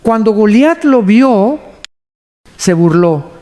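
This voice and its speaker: A man delivering a devotional sermon in a solemn, measured way and leading listeners in prayer. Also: high voice, expressive, a little mellow. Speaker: preacher.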